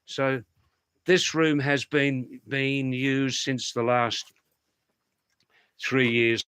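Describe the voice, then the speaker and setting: A man's voice: mid-range voice, level tone, extremely slow, fairly bright tone. A man hosting a casual livestream, chatting to viewers in a rambling way and repeating words and phrases for emphasis. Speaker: livestream host.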